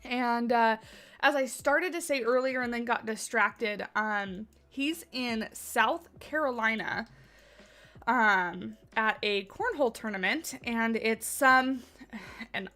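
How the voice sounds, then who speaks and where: A woman's fairly high voice comes across pushed and bright as she speaks slowly during a game livestream from her home office. Nursing a slight cold, she chats casually with viewers, rambling and being self-deprecating.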